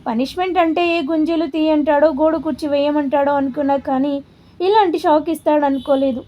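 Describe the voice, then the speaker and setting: A stubborn young woman, indignant and defiant, refusing to give in, as a woman narrator puts her on. Her voice is high and mellow. She is heard in a spoken storybook. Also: fairly even intonation, fairly quick, close to an everyday voice.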